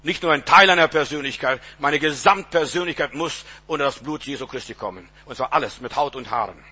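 A man's voice: fairly high pitch, a little fast, sharp tone, husky. A man preaching a sermon, emphatic and repetitive, often restarting with stammered words, on a radio-style recording.

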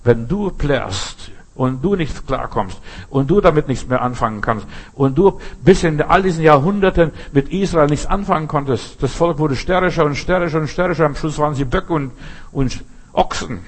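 A man's voice: a little high, slightly rough. An older man preaching a sermon in an emphatic, conversational way, often checking whether listeners understand. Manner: emphatic, conversational, asks "verstehst?".

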